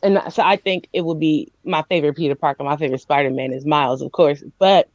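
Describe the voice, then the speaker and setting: A woman co-hosting a movie review podcast in casual chat. She talks excitedly and jumps into high squeals when acting out scenes. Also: fast talker, no echo. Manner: excitable, acts out scenes with squealing quoted voices. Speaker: podcast co-host. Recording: muffled lo-fi dry sound.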